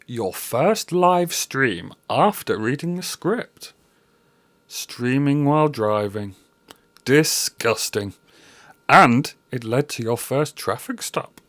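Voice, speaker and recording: A man's voice: medium pitch, animated, slow, a bit bright, dry recording, voice pushed up. A man playing a smug, scolding ghost of the past in a comedy sketch. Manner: lofty, scolding, theatrical.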